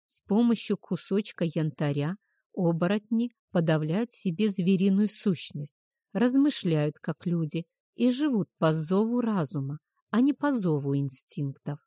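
A woman voicing a female werewolf who explains things in a hushed, low, matter-of-fact tone. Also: animated, measured pace, no room sound, clean studio sound. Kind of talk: audiobook character voice.

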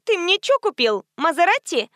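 Woman doing a loud young brunette, shrill, brash, shouting, high-pitched, dry recording. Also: animated, unhurried, dry recording. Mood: excited shouting.

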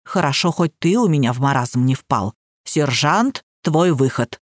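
A woman's voice: deep voice, expressive, a little slow, no echo, clean studio sound, pitched below the performer's own voice. A woman reading the part of a stern, sardonic old woman, a pensioner who gives orders and mocks her guests. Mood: bossy. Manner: commanding and teasing.

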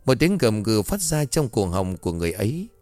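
A man reading a first-person horror story aloud in a slow, suspenseful narrating manner. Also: lowish voice, big pitch swings, warm tone, faint music behind.

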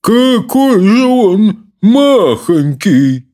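A man reading an audiobook, voicing a fat, greedy, pompous male consul who talks in a slow, smug, chomping drawl. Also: high voice, big pitch swings, warm tone, voice pushed up, full character voice.

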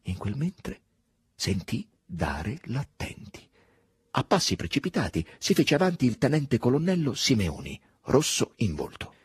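A man narrating a novel in an audiobook, with a husky voice and a dramatic, expressive reading. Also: medium pitch, unhurried, dry recording. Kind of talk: scripted literary narration.

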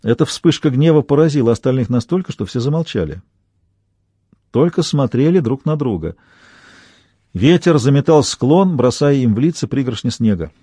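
Male audiobook narrator, expressive and lively, mellow dark tone, dry close sound. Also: mid-range voice, moderate pace, slightly rough, dry recording. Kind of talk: scripted narration.

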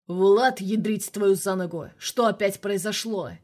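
Loud blustering older colonel on a phone; woman reader voicing him. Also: mid-range voice, normal speed, lightly acted. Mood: gruff. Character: gruff, hot-tempered older male police colonel.

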